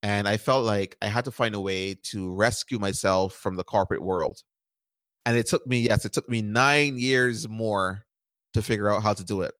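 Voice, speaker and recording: This startup founder and podcast guest from Barbados speaks in a low voice at normal speed, answering interview questions conversationally. He's laid-back, with lots of fillers and repeated words. The sound is dry, without echo.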